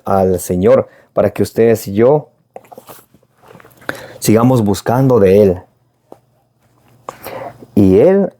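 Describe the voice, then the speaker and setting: A man preaching a gospel reflection, often restarting phrases with fillers and lifting his voice when quoting cries. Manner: frequent fillers and repeated restarts; raises pitch when quoting shouts.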